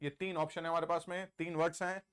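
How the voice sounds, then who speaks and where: Indian man, grammar teacher, live online class, coaxing and praising students, smooth clear voice, higher pitch. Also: flat delivery, fast, fairly bright tone. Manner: coaxing, asks students for answers and praises them.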